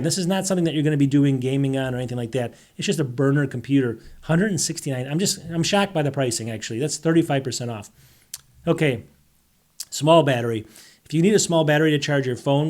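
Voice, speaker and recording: A man's voice: mid-range voice, fast talker, a little mellow. A man hosting a casual tech deals video, rambling through prices with rhetorical questions and self-interruptions, saying he is losing his voice.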